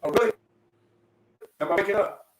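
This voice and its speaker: A man's voice: moderate pace, noisy background. A man hosting a casual podcast chat whose call audio keeps breaking up, laid back and calling everyone "man". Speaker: podcast host.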